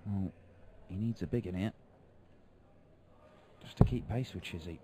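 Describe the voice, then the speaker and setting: A man's voice: low voice, measured pace, background noise. A man giving live darts commentary in a colloquial way, reacting to each throw. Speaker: sports commentator.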